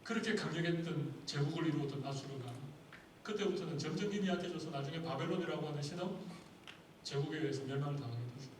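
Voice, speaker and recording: A male pastor preaches to his congregation with a fairly high voice, often stopping to put rhetorical questions to them. He is recorded from some distance in a very echoey church hall, with a faint hiss of room noise behind him. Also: fast talker. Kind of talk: sermon. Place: church sanctuary. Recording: echoey hall, far from the mic.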